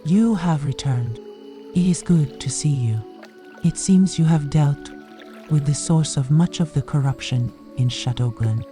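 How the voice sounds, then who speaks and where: A wise elven druid mentor voiced by a man from a fantasy game, kindly and formal. The delivery is slow and measured, with music clearly underneath. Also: on the high side, dark tone, lightly acted. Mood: grave, kindly. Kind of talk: scripted fantasy game dialogue. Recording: music behind the voice.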